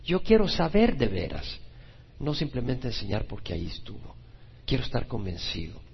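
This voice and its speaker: A man preaching a Bible-teaching sermon as a pastor, often rising to loud, emphatic exclamations. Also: mid-range voice, big pitch swings, normal speed, vocal fry, husky, dull audio.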